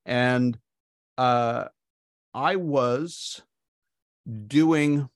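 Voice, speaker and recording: A man's voice: medium pitch, fairly bright tone, no room sound, clean studio sound. A guest in his forties speaking in a casual interview, hesitant and full of fillers. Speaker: podcast guest.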